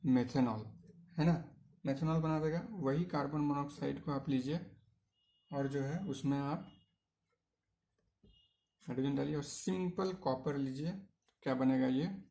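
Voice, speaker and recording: A man teaching a chemistry lesson in Hindi, mixing in English terms. He keeps asking the class questions, answers them himself, and fills pauses with hesitations. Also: fairly high pitch, gravelly, dark tone. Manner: asks questions then answers them, frequent "है ना" tags; hesitant fillers. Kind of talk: online chemistry lecture.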